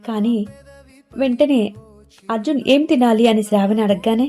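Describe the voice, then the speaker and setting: A woman narrating a romance story in a steady, dramatic reading style. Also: a little high, normal speed, soft background music.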